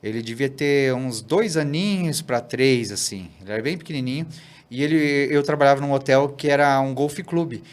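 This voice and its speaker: A man, a pastor guesting on a podcast, telling a story in an animated way and often tagging "né?" and "cara". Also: mid-range voice, normal speed. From Brazil. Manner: animated, tags sentences with "né?" and "cara". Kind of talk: casual storytelling in a podcast interview.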